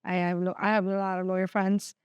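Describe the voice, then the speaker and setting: A woman hosting a casual podcast chat, animated and laughing, acting out little quotes. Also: mid-range voice, fast, smooth, dry recording, lo-fi sound. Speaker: podcast host.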